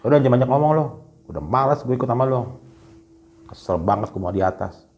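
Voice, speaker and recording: A man's voice: medium pitch, lively intonation, fast, darkish tone, soft background music, lightly acted. A man putting on the voice of a frightened young hiker who insists on leaving the mountain, repeating himself frantically. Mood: irritable. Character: panicked young man begging to leave the mountain.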